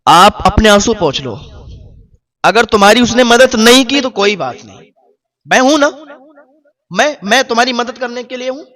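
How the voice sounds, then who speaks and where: A kind male stranger speaks with earnest warmth and promises to stand by a crying man, as a storyteller plays him. His voice is high for a man and rises as his promises grow stronger. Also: lively intonation, long pauses, full character voice. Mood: comforting. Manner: earnest, comforting, promising help.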